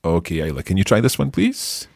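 A man hosts an Italian lesson for learners, explaining grammar patiently. His voice is very deep but moves a lot in pitch, with a husky edge. The sound is close and dry. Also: huge pitch swings, a little fast, a little mellow, no echo. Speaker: language teacher, host. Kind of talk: language lesson podcast.

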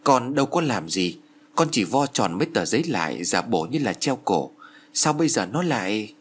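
Man doing odd flippant young woman, audiobook, teasing, offhand, husky. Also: on the low side, sing-song, normal speed.

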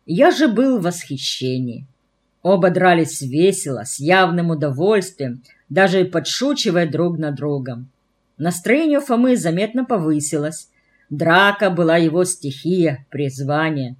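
A woman's voice: lowish voice, expressive, measured pace. Woman narrating an audiobook. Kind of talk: scripted narration of a novel.

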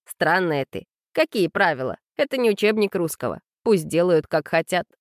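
A woman reading aloud and voicing a relaxed teenage boy who teases and shrugs things off, close to her own voice. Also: on the low side, normal speed, no room sound. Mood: easygoing. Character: easygoing teenage boy, teasing and calm.

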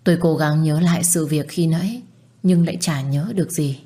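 Warm, low-voiced woman telling a sad story. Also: normal speed. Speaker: narrator. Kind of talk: first-person story narration.

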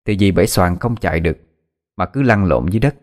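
A man narrating a scripted horror story in a steady, measured way. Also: deep voice. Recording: faint background music.

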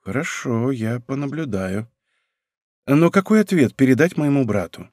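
A man's voice: mid-range voice, lively intonation, moderate pace, a little mellow, no room sound, clean studio sound, lightly acted. A man voicing an earnest young king in an audiobook, soothing and coaxing. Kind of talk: audiobook character reading.

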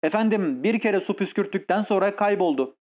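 A man voicing excited ship lookouts in an audiobook, calling out in a raised, higher voice. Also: a little fast. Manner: shouting excitedly. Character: eager shouting ship lookout, male sailor. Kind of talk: audiobook character reading.

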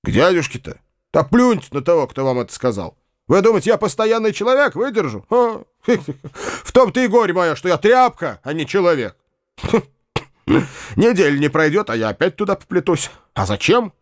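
Irascible old landowner, loud and bristling, voice pushed high by a male reader; audiobook character. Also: big pitch swings, no room sound, studio quality. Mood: rueful, hearty. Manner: blustering, shouting, quick to temper.

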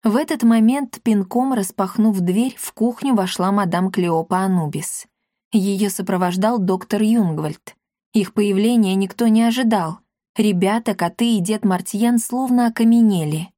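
A woman reading a children's story aloud in a lively, expressive way. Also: mid-range voice, moderate pace, no echo, studio quality. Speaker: audiobook reader. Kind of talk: storybook narration.

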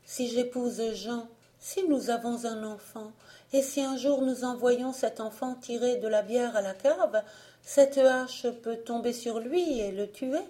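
A woman's voice: on the high side, measured pace, dark tone, voice pushed up, lightly acted. A woman voicing an anxious, tearful young woman who frets and wails. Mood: fretful wailing.

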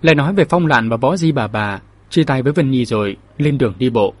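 A man hosting his channel and narrating a martial-arts novel audiobook in a steady, measured storytelling manner. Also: medium pitch, breathy edge, no room sound.

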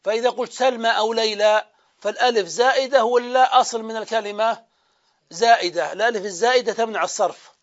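Man, grammar teacher, high voice, asks and answers his own questions, drawn-out examples, dull lo-fi recording. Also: fairly even intonation. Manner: drawn-out repetition of example words. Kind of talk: classroom grammar lecture.

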